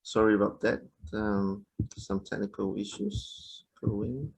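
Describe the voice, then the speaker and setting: A man's voice: lowish voice, very animated, takes it slowly, creaky, slightly rough, low-quality recording. A man moderating an online webinar, hesitant and apologetic, with many ums.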